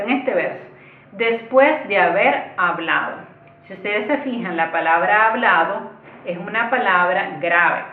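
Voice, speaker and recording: A woman teaching an online lesson, explaining step by step in a patient way and speaking directly to her viewers. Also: medium pitch. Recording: echoey room, tinny phone-like sound.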